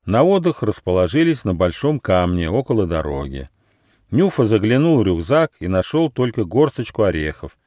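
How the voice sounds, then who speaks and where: A man reading his own fairy tale aloud as an audiobook, with expressive storytelling. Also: fairly low pitch, moderate pace, no echo, studio quality.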